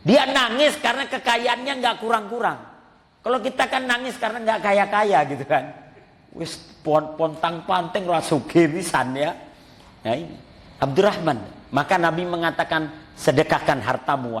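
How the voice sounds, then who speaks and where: A man's voice: high-pitched, a bit bright. A man giving a mosque sermon, telling stories, acting out the voices in them and addressing his listeners as Pak. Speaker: preacher. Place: mosque hall. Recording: long reverb of a mosque hall.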